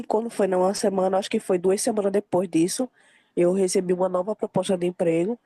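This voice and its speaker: A young woman tells her faith story in a lively way, playing out the voices in it. Her tone is dark and mellow. The recording is dry and close. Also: mid-range voice, no echo. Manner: lively storytelling, acting out quoted dialogue. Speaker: participant sharing a testimony. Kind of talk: emotional faith testimony in a group call.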